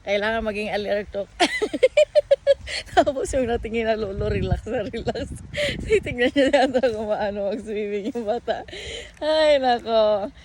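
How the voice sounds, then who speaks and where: A woman with a slightly high voice chats and jokes as she vlogs outdoors, laughing often and slipping into English phrases. She talks into a handheld phone while she walks by a park pond, with faint outdoor sounds and animals behind her. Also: animated, normal speed, a little mellow, slight background noise. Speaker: vlogger. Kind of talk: casual walking vlog.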